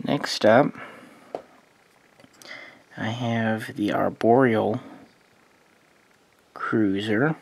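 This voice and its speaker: Gravelly low-voiced man reviewing models. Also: drawn-out words, pauses often. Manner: relaxed, meandering, thinks aloud with fillers. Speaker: collector reviewing model starships. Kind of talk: casual hobby overview.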